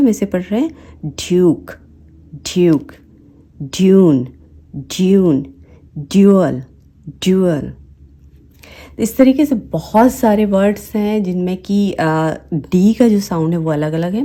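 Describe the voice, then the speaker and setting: A woman with a Hindi accent, teaching English phonics. She says each example word slowly and repeats it several times. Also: fairly low pitch, warm tone. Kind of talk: slow, deliberate teaching with repeated example words.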